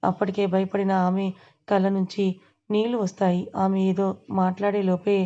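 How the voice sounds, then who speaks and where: A woman narrates a serialized story at a steady, even pace, reading every character's lines in her own voice. Her tone stays flat and mellow. The recording is slightly dull and lo-fi. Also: mid-range voice, normal speed.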